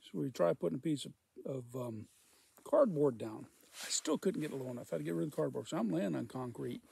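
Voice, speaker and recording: A man tells a rambling, folksy story between puffs on his pipe, repeating himself as he goes. His voice sits a little high for a man, rough with gravel and a husky edge. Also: very animated, fast talker, dark tone. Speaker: storyteller, former welder. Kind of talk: casual spoken storytelling.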